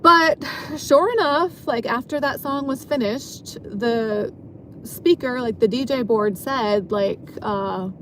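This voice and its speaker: A woman's voice: fairly high pitch, slow pace, fairly bright tone, slight background noise, rough recording. Rambling woman telling a work story. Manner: rambling, many filler likes. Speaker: exotic dancer. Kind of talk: casual storytime vlog.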